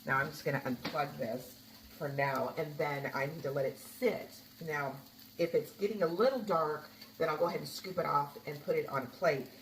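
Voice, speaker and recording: A woman's voice: low voice, normal speed, roomy sound, recorded from a distance, slight background noise, rough recording. A woman hosting a home cooking video, chatting casually as she makes a sandwich and tastes it. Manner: chatty, homey, talks while cooking and tasting. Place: home kitchen.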